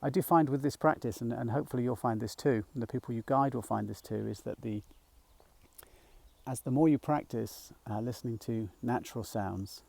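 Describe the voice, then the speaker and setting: A middle-aged man talking gently while walking outdoors, a little out of breath, rambling with fillers as he guides a mindfulness practice. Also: mid-range voice, a little fast, gravelly, no echo. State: slightly out of breath. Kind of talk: casual walking vlog. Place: outdoors in a field by a small woodland.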